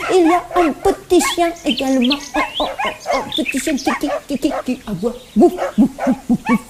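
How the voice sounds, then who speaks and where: A woman's voice: high-pitched, a little mellow, slight background noise. A woman voicing a cheerful, eager little child puppet who stutters heavily while telling a Bible story to children. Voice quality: heavy stutter, repeats words many times.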